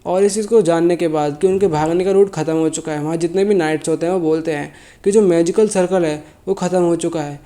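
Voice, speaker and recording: This fast-talking man narrates a manhwa recap in a fairly high, steady, mellow voice. He has a sore throat and feels unwell, and his loose telling is full of self-corrections and mid-sentence rephrasing.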